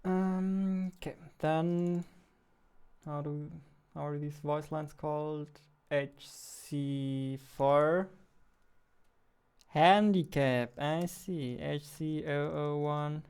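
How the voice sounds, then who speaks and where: Coding on a casual live stream from his home desk, a young game developer muses out loud and makes self-deprecating jokes with a chuckle. He talks very slowly, his voice on the high side, smooth and darkish, with fairly even intonation.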